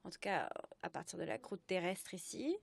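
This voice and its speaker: A woman working as a simultaneous interpreter, giving a live spoken translation of a lecture in halting phrases with self-corrections. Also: lowish voice, lively intonation, vocal fry.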